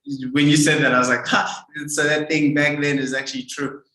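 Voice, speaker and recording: A man hosting a podcast interview, talking in a rambling, halting way with many fillers. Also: fairly high pitch, little pitch movement, sharp tone. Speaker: podcast host. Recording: roomy echo.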